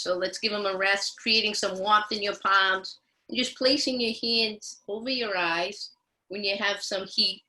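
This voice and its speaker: A woman gives guided mindful movement instruction in the soothing style of a yoga teacher, speaking slowly with gentle pauses between cues. Her medium-pitched voice has a bright, forward tone, though the recording quality is low.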